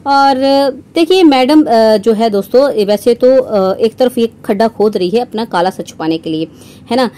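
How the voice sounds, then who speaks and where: Sarcastic woman vlogger, mellow voice. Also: on the high side, normal speed. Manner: mocking, sarcastic, frequent "है ना?" tag questions. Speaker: reaction vlogger. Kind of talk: scornful commentary to viewers.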